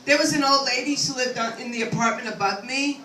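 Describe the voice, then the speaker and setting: Quick, sharp, and high-voiced, an older woman delivers self-deprecating stand-up at a comedy club, wandering off into chatty remarks to the crowd. A little hiss or hum comes through, along with faint ambience, an echoey room, and a far-off mic.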